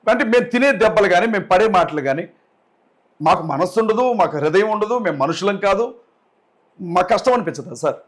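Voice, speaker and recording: A man giving an interview as a guest, speaking forcefully and indignantly, repeating his points and addressing the interviewer respectfully. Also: sits high, animated, brisk. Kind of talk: heated interview talk.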